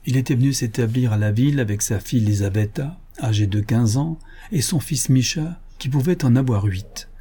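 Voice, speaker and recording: A man narrating a nineteenth-century novella in a measured, literary reading. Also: mid-range voice, dark tone, breathy edge. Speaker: audiobook narrator. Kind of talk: scripted narration.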